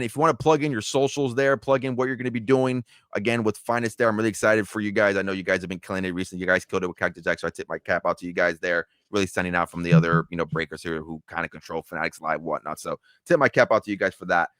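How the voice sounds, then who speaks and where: A man hosting a casual chat show, talking in quick, rambling, upbeat runs. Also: low voice, steady tone, a bit bright, dry recording, studio quality. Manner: fast, rambling, upbeat with fillers like "there". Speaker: podcast host.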